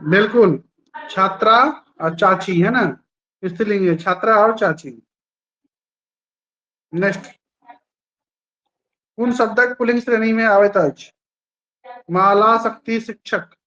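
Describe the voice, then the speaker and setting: High-voiced male teacher, dull lo-fi sound. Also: unhurried, long pauses, pushed and bright. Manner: repeats each question and its options, praises students by name. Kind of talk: live online quiz class.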